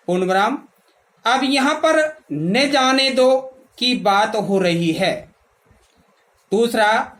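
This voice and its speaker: A woman giving a classroom lecture to teacher trainees. She speaks deliberately and names each punctuation mark aloud. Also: medium pitch, a bit bright, rough recording.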